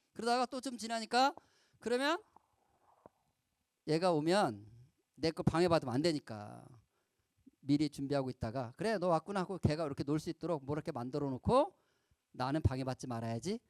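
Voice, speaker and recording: A middle-aged man giving a lively storytelling lecture to children at a camp, acting out quoted lines and asking the audience questions. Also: high-pitched, no echo. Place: lecture hall at a youth camp.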